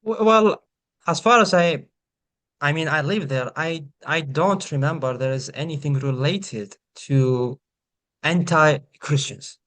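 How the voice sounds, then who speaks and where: A man from Iraq with an Iraqi accent, speaking as a panelist in an earnest, persuasive way with frequent halting restarts. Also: on the high side, a bit bright. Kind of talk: panel discussion.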